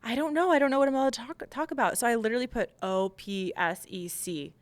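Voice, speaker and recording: With a slightly high voice and a fast delivery, free of room sound, a Long Island, New York veteran shares a blunt, emphatic personal story on a podcast. She acts out remarks from her memory.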